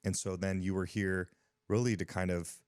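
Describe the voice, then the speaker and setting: A man's voice: low voice, little pitch movement, normal speed, a little mellow, clean tone, no room sound, studio quality. A man hosting a casual podcast interview, talking in a laid-back, slangy way. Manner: laid-back, slangy, says dude and bro. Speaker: podcast host.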